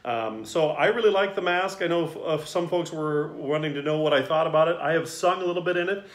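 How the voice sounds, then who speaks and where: A man's voice: on the high side, fairly quick. A man reviewing a singer's mask while wearing it, chatting in a friendly way with plenty of ums and uhs. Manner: friendly, hesitant with many fillers. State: through a face mask. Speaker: choir director. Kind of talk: casual product review. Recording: echoey room.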